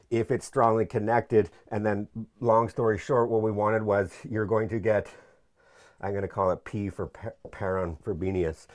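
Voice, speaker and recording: Young guy, lowish voice, casual whiteboard lecture, keeps restarting sentences, jokey. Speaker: PhD student explaining his research. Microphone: camera mic.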